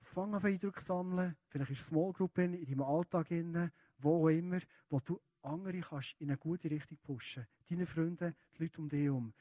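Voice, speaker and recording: A man's voice: on the high side, normal speed, hardly any pauses, warm tone, no room sound. A man preaching a sermon in a church with a Swiss German accent, speaking earnestly and directly to his listeners in a conversational way.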